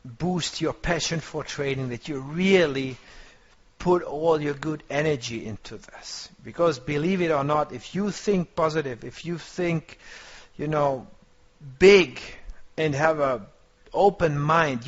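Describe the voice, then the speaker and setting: Unhurried and a little high in pitch, a man lectures in an online trading course, encouraging his students in a motivational way while frequently searching for words. The recording is dull, lo-fi and compressed.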